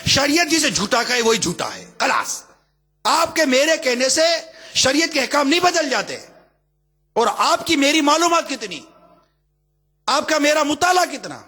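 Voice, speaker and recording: A man's voice: very high voice, sing-song, pauses often, sharp tone. A man preaching a sermon, emphatic and repetitive, firing rhetorical questions at his listeners. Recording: hall with long reverb.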